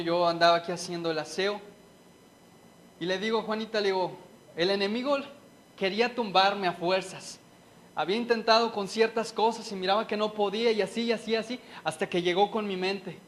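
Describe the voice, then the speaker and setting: A man preaching a sermon and sharing a personal testimony, speaking earnestly and with deep feeling straight to his listeners.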